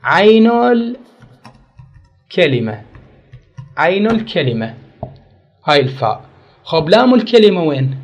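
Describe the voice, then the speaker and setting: A man's voice: a little high, big pitch swings, unhurried, long pauses, soft background music. A man teaching an Arabic grammar lesson, repeating key words and quizzing his class with questions. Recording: dull lo-fi recording.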